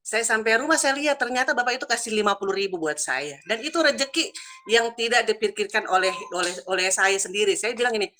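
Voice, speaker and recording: A woman's voice: a little high, expressive, fast, sharp tone. A woman, chatting casually over a video call as she tells a personal testimony and acts out the dialogue in her story. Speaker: church member sharing a testimony.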